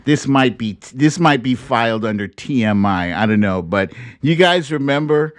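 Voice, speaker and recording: An American man in his fifties hosts a casual livestream chat, playful and jokey, theatrically drawing out words. His medium-pitched voice is animated at normal speed, in a dry recording.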